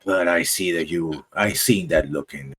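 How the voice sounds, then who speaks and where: A man running a tabletop game over an online call, speaking in halting, broken-off phrases while his audio keeps cutting in and out. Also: low-pitched, fairly bright tone, slightly rough, no echo. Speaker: game master. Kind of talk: narrating and voicing characters in a tabletop game.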